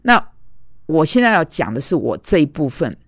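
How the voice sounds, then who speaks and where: A woman's voice: deep voice, sing-song, normal speed, no room sound, clean studio sound. Woman preacher telling a story. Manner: conversational, recounting dialogues. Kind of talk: storytelling sermon.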